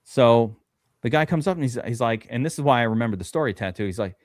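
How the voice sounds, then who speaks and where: A man's voice: medium pitch, animated, fast, no echo, clean studio sound. A man, hosting a live fantasy football stream and telling a long, rambling story with lots of swearing and fillers. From USA. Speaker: podcast host drafting fantasy football. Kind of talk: casual live-stream chat.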